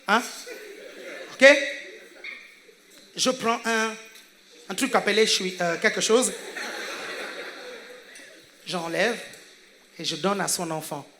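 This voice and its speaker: Gabonese male pastor, high and bright, emphatic preacher, checks in with the congregation constantly. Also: slow pace, pauses often. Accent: Gabonese French. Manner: laughs between phrases, swings from loud to hushed. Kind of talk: sermon.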